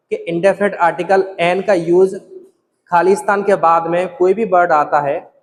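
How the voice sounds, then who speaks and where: Guy teaching english grammar in a classroom, high voice, lots of reverb, slows right down for examples. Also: slight background noise. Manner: slows down to spell out example sentences. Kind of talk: explaining grammar to students. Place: classroom with a board.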